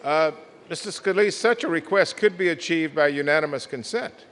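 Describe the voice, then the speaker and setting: An American man presiding over a legislature, giving formal, measured procedural rulings. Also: fairly high pitch, a bit bright. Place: large indoor legislative chamber. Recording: echoey large legislative chamber.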